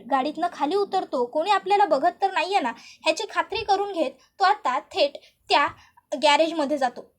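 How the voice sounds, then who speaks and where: A woman casually recapping a TV serial's story in a lively, rhythmic way, playing each character's lines herself. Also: sits high.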